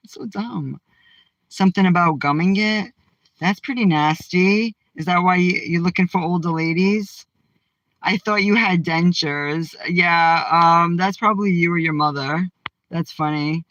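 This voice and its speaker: A woman's voice: on the low side, a little slow, fairly bright tone, no echo, highs cut off. A woman from Massachusetts hosting a casual livestream, bluntly firing back at viewers' comments from her car. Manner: brash, outspoken, trash-talking. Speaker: livestream host. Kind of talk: casual live chat reading comments.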